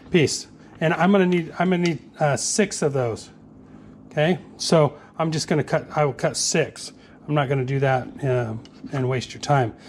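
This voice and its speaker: A man's voice: a little high, noisy background. Easygoing man narrating a workshop build. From Northeast Florida. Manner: plain, easygoing, narrating each step with many "uh"s. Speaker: fishing tackle maker. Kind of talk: casual how-to workshop demonstration.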